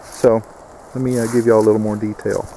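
A man's voice: lowish voice, flat delivery, fairly quick, warm tone, slight background noise. A man giving a casual, step-by-step how-to walkthrough outdoors on a rural homestead, with plenty of filler words. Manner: plainspoken, many uh fillers, explains step by step. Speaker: homesteader demonstrating a build.

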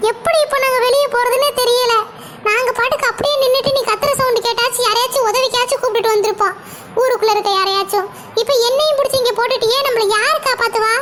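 A woman voicing a bossy, sharp-tongued wife in a cartoon who scolds and nags her husband. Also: very high-pitched, quick pace, a little hiss or hum. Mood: exasperated. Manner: scolding, nagging.

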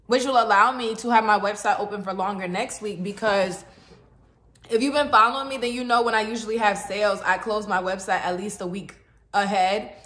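A woman's voice: medium pitch, fairly even intonation, fairly quick, a bit bright, roomy sound. A young woman, talking casually to her viewers about her lash business while she eats. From Texas. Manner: chatty, addresses viewers as y'all. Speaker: lash business owner and vlogger. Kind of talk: casual vlog chat to viewers.

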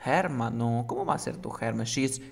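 A man teaching an English lesson, coaxing a student and drilling words slowly with exaggerated English sounds. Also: mid-range voice, lively intonation, vocal fry, noisy background.

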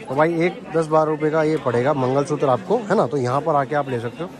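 Filming a casual walkaround vlog on a handheld camera in both point of view and selfie mode, a young man speaks a little fast in a fairly high-pitched voice. He moves through a crowded street market, checking prices with vendors and relaying them to his audience while crowd chatter and outdoor market noise fill the background.

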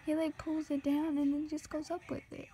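A woman's voice: high-pitched, level tone, fairly quick, warm tone. A young girl giving casual reaction commentary to videos at home, trying not to laugh and sometimes giggling. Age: child, about ten to twelve. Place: small home room, indoors. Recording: very noisy webcam-style recording with clicks.

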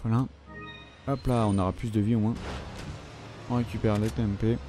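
A man's voice: on the low side, steady tone, moderate pace, over music. French man muttering over a game. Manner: talks to the game enemy, swears a lot, mutters to himself. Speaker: gaming video host. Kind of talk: let's play commentary.

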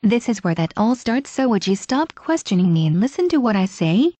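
A woman's voice: mid-range voice, very animated, a little fast, mellow, no room sound. A woman voicing a weary old male village leader who speaks curtly and commandingly. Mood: stern. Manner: curt, commanding.

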